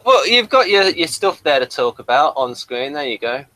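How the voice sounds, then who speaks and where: With a rather high, very animated voice that sounds pushed and bright, a man co-hosts a casual review show at normal speed, frequently stammering and starting phrases over as he explains in unscripted chat. There's no echo, but the audio is poor.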